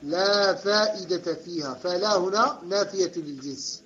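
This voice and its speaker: A man's voice: high-pitched, normal speed, fairly bright tone, highs cut off. A man teaching an Arabic grammar class, repeating and correcting students' answers and approving them with a short word of praise.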